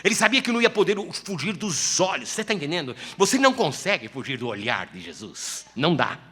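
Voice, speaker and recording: A male pastor preaching a sermon as an animated storyteller, swinging between loud bursts and quiet asides. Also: fairly high pitch, a little fast, husky, in a large hall.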